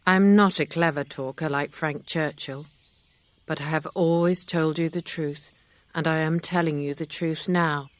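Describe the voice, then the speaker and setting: A woman reading aloud, voicing a kind, sincere gentleman in a low, measured tone. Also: fairly even intonation, no room sound, close to an everyday voice.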